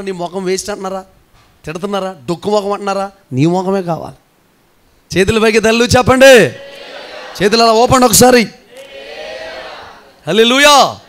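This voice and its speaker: High-voiced animated male preacher. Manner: animated, teasing, calls for responses from the congregation. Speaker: pastor. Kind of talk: sermon.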